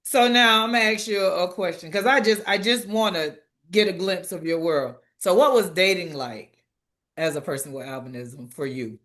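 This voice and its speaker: A woman interviewing a guest over a video call, asking relaxed follow-up questions and laughing along. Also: fairly low pitch, moderate pace.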